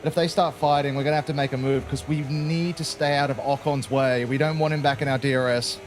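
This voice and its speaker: A man's voice: medium pitch, fairly even intonation, fast talker, soft background music. An Australian man giving casual, jokey gameplay commentary while racing, peppering his talk with "mate". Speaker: gaming channel host.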